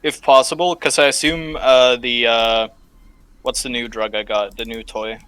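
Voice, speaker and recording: A man's voice: medium pitch, flat delivery, normal speed, fairly bright tone, smooth, no echo. A man playing a tabletop game, explaining his plans at length in a chatty way. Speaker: player.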